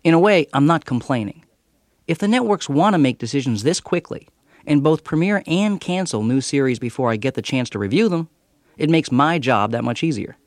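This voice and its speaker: A man's voice: on the high side, expressive, brisk, dry recording, studio quality. An American man reading a scripted radio review as a TV critic, with a wry manner.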